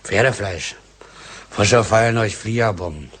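A man playing a seasoned older army cook in a war radio play, unhurried and dry. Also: on the low side, fairly bright tone, slight background noise. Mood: easygoing, dry.

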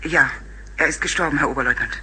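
Hesitant wartime nurse. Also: female voice, low voice, fast talker, pushed and bright, breathy edge, exaggerated voice. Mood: subdued, hesitant. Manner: hesitant, respectful. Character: gentle, hesitant military nurse bearing bad news. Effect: field telephone. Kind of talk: German war radio play acting.

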